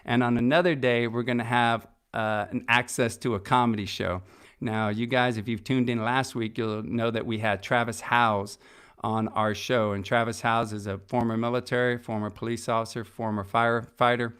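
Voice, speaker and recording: A middle-aged man hosts a podcast in a loose, eager way. He says uh often and restarts his sentences. His voice is smooth and clear, sitting at an average pitch for a man. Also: moderate pace. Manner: energetic, enthusiastic, with many fillers and restarts. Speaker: podcast host and conference organizer. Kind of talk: casual promotional podcast talk.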